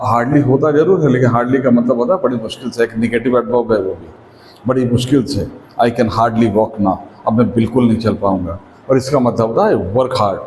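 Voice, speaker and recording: A man's voice: mid-range voice, darkish tone, slight background noise. Indian-accented man teaching in an echoey room. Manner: explains step by step, often asks "is it clear?". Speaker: English teacher. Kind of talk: spoken English lesson. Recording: echoey room with long reverb.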